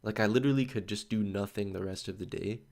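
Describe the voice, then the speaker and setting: A man's voice: lowish voice, fast, gravelly, darkish tone. A man in his twenties chatting loosely on a study livestream, full of filler "like"s as he drifts between stories. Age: 20s. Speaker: study streamer. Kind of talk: casual rambling chat on a livestream.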